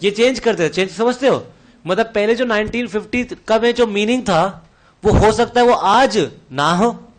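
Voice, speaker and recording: A man teaching a revision lecture, quizzing students with rapid questions and answering them himself, with an Indian English accent on the terms he uses. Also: high voice. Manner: calls students "beta".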